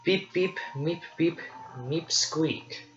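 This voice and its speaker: Bright beeping little robot, loyal and earnest, as a man reads it, roomy and slightly dull sound. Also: very slow, a little hiss or hum. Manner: beeps and squeaks, solemn verse asides.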